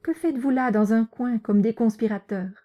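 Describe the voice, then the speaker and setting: Lady doing a soft coaxing mom, bit higher, warm tone. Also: normal speed, natural voice. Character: gentle mother, an older countess.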